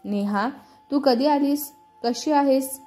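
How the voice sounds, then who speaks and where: A friendly young man greets a guest in a breezy way, voiced by a woman narrator. The tone is mellow, with faint music under it. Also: high voice, slow pace.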